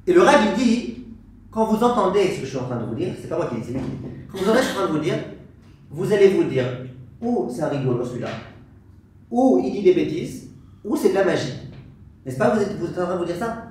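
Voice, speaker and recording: A man teaching a Torah class as a rabbi, animated, acting out angry exchanges and quizzing his audience. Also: sits high, quick pace, pauses often. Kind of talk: lively Torah lesson to an audience. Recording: very echoey room, voice from far off, faint hiss.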